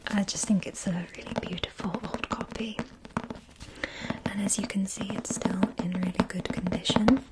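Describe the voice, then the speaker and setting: A woman whispering softly and gently in an unvoiced ASMR ramble, chatting casually to her viewers. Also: mid-range voice, steady tone, moderate pace, rough recording. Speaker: ASMR video creator.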